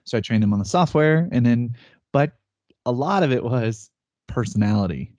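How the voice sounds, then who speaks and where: Dark-voiced man chatting casually. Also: mid-range voice, normal speed, no echo. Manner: animated storytelling, laughs often, acts out quotes. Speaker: podcast co-host. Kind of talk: casual chat. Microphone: remote call setup.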